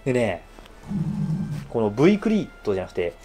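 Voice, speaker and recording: A man's voice: moderate pace, slightly rough, soft background music. A man in a casual show-and-tell review of his own bespoke suit, chatting and laughing often. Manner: chatty, laughs often, lively swings in pitch.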